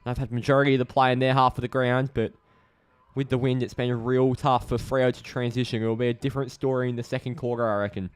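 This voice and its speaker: An Australian man calling a football match for his live stream audience in a relaxed, chatty way. His voice is smooth and clear at a middling pitch, and he gets excitable over the play. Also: quick pace. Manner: excitable play-by-play, chats with viewers, swears when frustrated. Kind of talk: casual live match commentary.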